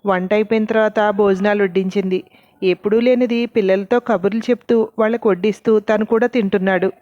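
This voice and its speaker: A woman narrating a scripted story with a steady, even reading. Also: mid-range voice, fairly quick, dry recording, lo-fi sound.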